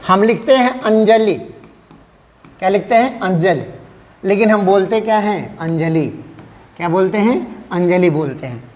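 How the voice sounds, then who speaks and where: A man's voice: high voice, a little mellow, in a large hall. A male teacher giving an exam-prep lesson, who keeps asking the class questions and answering them himself.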